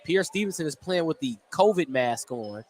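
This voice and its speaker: Calling the game for radio, this play-by-play man speaks at a normal pace with an animated, fairly high voice, using clipped phrases packed with detail. Gym noise and the thump of a bouncing basketball fill the background of the indoor venue.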